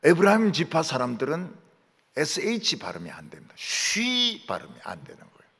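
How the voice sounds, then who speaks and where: A man's voice: fairly high pitch, wildly swooping pitch, a little fast, gravelly, a bit bright, husky. A middle-aged man from the Gyeongsang region with a Gyeongsang accent, preaching a sermon and telling stories while mimicking dialect words. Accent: Gyeongsang Korean. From Gyeongsang region, Korea. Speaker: pastor. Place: large church sanctuary. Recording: long hall reverb.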